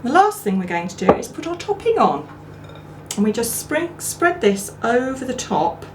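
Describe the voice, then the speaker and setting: A woman's voice: on the high side, sing-song, moderate pace. Chatty woman cooking at home. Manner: chatty and homely, talking while cooking and eating. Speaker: cooking show host. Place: home kitchen. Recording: echoey room with clear background noise. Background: clatter of dishes and cutlery.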